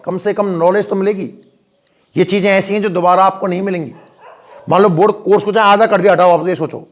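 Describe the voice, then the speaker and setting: Man, high voice, physics teacher, classroom lecture, questions students often. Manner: addresses students directly with frequent questions and encouragement. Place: school classroom with a board.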